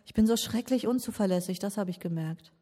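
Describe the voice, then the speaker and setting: A woman voicing a remorseful male apostle who confesses his failings slowly and humbly during a sermon. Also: medium pitch, warm tone, close to an everyday voice. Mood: contrite.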